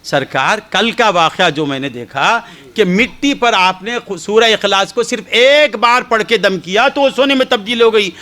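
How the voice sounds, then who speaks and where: A woman's voice: medium pitch, few pauses, fairly bright tone, voice pushed up, natural voice. A male preacher voicing a devout woman disciple who pleads insistently and questions in bewilderment. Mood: bewildered. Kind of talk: quoted dialogue within a sermon story.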